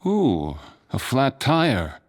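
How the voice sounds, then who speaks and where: A man voicing a courteous, wry masked spymaster with a calm, polite, dryly amused manner. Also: medium pitch, very slow, voice pushed up, exaggerated voice.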